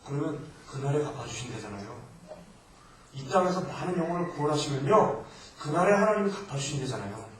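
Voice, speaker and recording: A male missionary preaching a sermon in Korean to a congregation, alternating loud emphatic exhortation with quieter asides. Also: a little high. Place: church sanctuary. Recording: echoey church hall from far off, faint noise.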